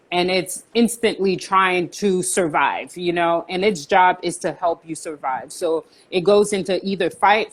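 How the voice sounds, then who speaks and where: A woman in her forties, born in Haiti, calmly explaining things as a guest counselor in a conversational interview, with frequent fillers. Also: lowish voice. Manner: calm, explanatory, with frequent "um" and "you know".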